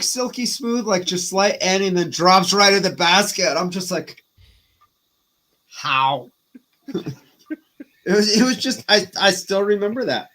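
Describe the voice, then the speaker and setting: A man in his forties with a somewhat high voice trades stories in a relaxed live chat. He tells them with animated energy and a self-deprecating streak. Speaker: podcast guest, disc golfer. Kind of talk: casual chat.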